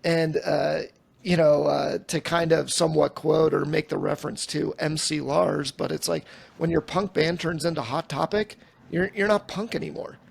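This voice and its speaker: Gravelly man in his forties. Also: on the high side, steady tone, normal speed. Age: 40s. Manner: rambling, acts out quoted conversations. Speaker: podcast co-host. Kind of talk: casual chat.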